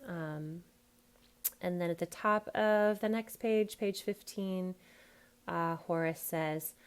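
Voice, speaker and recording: Slow, low-voiced woman dialect coach. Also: smooth. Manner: slow, patient, stops often to model sounds. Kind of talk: accent coaching, demonstrating lines.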